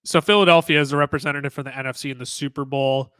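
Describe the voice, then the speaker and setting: A man co-hosting a sports podcast, talking excitedly in casual chat with many restarts. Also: medium pitch, very fast, smooth, no room sound. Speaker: podcast co-host.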